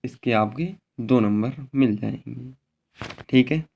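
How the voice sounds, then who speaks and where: Male tutor, mid-pitched, methodical exam walkthrough that restates every answer; slightly dull lo-fi recording with faint hiss. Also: takes it slowly, vocal fry, a little mellow. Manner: explains step by step, repeats each answer and ends with a check word. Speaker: teacher.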